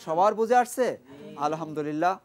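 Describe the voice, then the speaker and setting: A man's voice: fairly high pitch, expressive, moderate pace. Man quizzing a class in a studio. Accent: Bangladeshi Bengali. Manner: quizzing pupils, praising answers, drilling pronunciation for repetition. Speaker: Quran teacher and TV host. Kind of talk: studio quiz lesson with a class. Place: TV studio with pupils and audience.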